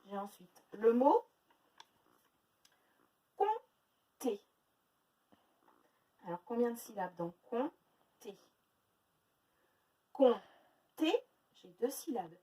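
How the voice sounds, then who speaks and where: French teacher stretching out syllables slowly. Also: female voice, a little high, very animated, warm tone, recorded from a distance, rough recording. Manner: slow, exaggerated syllable-by-syllable pronunciation. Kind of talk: phonics lesson for young children. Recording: faint noise, voice a little off-mic.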